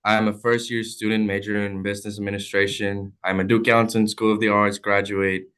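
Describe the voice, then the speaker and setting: A man's voice: on the low side, flat delivery, a little fast, fairly bright tone, smooth. A young man from El Salvador, a student, reading prepared testimony at a hearing in an earnest, formal and heartfelt way. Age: young adult.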